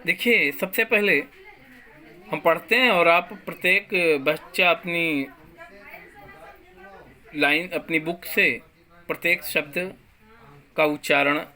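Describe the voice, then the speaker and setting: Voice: mid-range voice, pushed and bright. A school teacher giving a lesson, reciting verse lines and explaining them word by word with English words mixed in. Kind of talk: classroom lesson.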